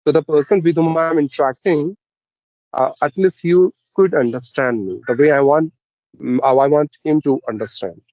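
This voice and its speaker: Deliberate man, slightly high voice. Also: a little mellow, no echo. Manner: deliberate, explanatory, with pauses. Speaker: English conversation partner. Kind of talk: casual discussion practice. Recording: dull, lo-fi, dry sound.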